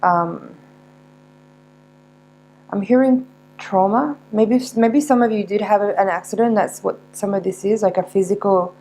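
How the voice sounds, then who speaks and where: A woman giving a mystical horoscope tarot reading, unscripted, in a searching, halting manner with repeated words. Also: medium pitch, darkish tone, low-quality recording. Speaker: tarot reader.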